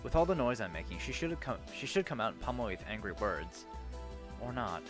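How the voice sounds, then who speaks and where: A man's voice: mid-range voice, fast talker. A man hosting a let's play, reading a visual novel's first-person narration aloud with the occasional stumble. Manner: earnest first-person narration with a lively delivery and some stumbles. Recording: faint game music behind.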